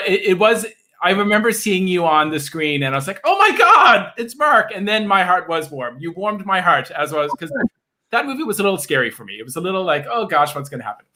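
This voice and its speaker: A man from Newfoundland hosts the interview in a bright, fairly high voice. He sounds enthusiastic as he asks his questions and stumbles through plenty of fillers and restarts. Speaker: host. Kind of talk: casual interview chat.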